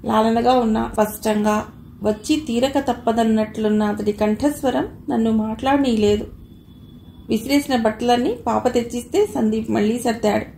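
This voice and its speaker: A woman reads a first-person story aloud in a measured, expressive voice, somewhat high and with a gravelly edge. The recording sounds roomy, with a faint hiss underneath. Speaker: audio novel reader.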